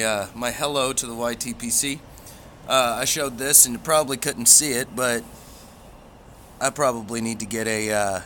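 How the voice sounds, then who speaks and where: Bright-voiced man rambling casually. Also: medium pitch, a little hiss or hum. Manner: rambling, easygoing, folksy phrasing. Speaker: pipe hobby vlogger. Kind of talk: casual livestream chat.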